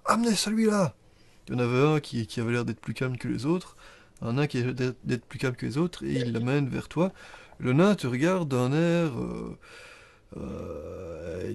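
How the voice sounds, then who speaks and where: A man running a tabletop game as game master over an online call, playful and quick to laugh. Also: mid-range voice, vocal fry, darkish tone.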